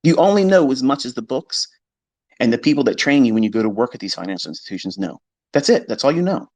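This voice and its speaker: A man's voice: mid-range voice, lively intonation, quick pace, darkish tone, no room sound. A man teaching trading on a live stream, talking in a blunt, emphatic way and swearing freely. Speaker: trading educator. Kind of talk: unscripted live-stream lecture.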